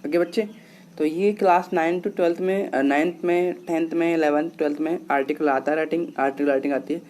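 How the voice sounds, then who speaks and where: An English teacher with a slightly high, steady, somewhat mellow voice talks fairly quickly during a lesson. He explains things patiently, repeats himself often, and calls his students children.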